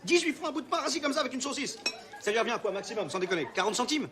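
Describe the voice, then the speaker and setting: A boastful, foul-mouthed trader rattles off his stories in a high, rapid voice. The chatter of a busy crowd fills the background. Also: animated. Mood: bragging. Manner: crude, fast storytelling. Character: loud boastful male garment trader.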